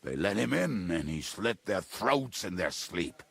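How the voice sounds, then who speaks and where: A gravelly, blackout-drunk robber. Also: male voice, deep voice, big pitch swings, measured pace, fairly bright tone, heavily acted. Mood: amused, nostalgic. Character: drunken, gruff, bitter male robber and henchman. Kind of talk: video game dialogue acting.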